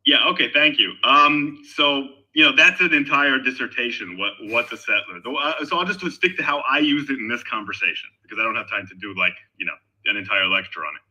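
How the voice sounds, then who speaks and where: A middle-aged man from Israel, talking in a casual online debate in an animated, emphatic way with frequent restarts. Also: medium pitch, a little fast, hardly any pauses, low-quality recording. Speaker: guest in an online discussion. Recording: voice call on a discussion server.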